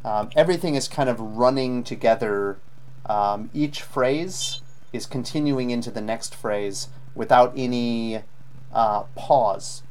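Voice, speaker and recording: A man's voice: medium pitch, slow. A man teaching a live online IELTS lesson, patiently giving spoken feedback with frequent ums.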